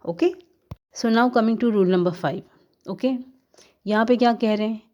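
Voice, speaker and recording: Woman teaching grammar, mellow tone. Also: mid-range voice, highs cut off. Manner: explains step by step, asks and answers her own questions, spells words letter by letter; mixes English and Hindi. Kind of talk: classroom grammar lesson.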